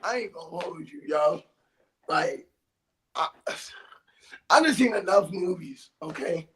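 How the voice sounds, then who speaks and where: High-voiced animated young man. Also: measured pace, rough recording. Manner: animated, laughing, loud outbursts, slangy. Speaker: podcast co-host. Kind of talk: casual storytelling chat.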